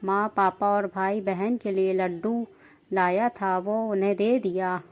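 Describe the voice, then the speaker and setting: A woman's voice: mid-range voice, fairly even intonation, measured pace, close to an everyday voice. Affectionate young husband, coaxing questions, read by a female narrator.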